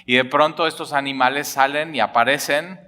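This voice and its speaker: A man preaching a sermon as pastor, retelling a story with lively acted-out dialogue and jokes. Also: mid-range voice, fairly quick.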